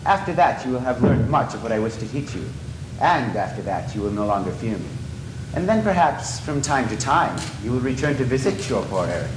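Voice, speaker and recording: A man playing a disfigured masked man, obsessive and possessive, in a stage play, swinging from soft pleading to shouting rage. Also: medium pitch, sing-song, a little fast, natural voice. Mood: tender, intense. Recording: echoey stage from a distance, faint noise.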